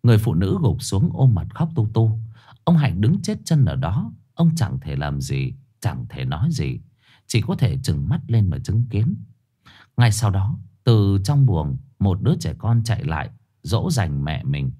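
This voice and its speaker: A man narrating a ghost story in a low, hushed, expressive storytelling voice. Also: unhurried, slightly rough.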